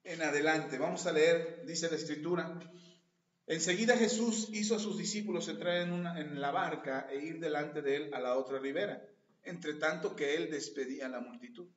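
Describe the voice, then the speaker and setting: A man with a Mexican accent preaching a sermon as pastor, a lively storyteller who jokes and acts out the scenes he reads. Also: fairly high pitch, normal speed. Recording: very echoey, dull lo-fi podcast audio.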